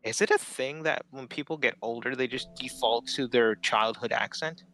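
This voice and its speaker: A man's voice: mid-range voice, normal speed, sharp tone, poor audio. A man chatting casually, rambling and laughing often. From Philippines. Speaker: streamer chatting while drawing. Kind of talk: casual chat.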